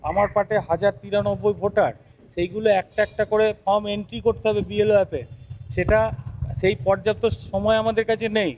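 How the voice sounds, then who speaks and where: Male field worker, West Bengal Bengali accent, high voice, aggrieved pleading, noisy on-site recording. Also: fairly even intonation, fairly quick, a little mellow, muffled recording. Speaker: booth-level election worker. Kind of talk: spoken complaint to press. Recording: clear background noise, on-site ambience.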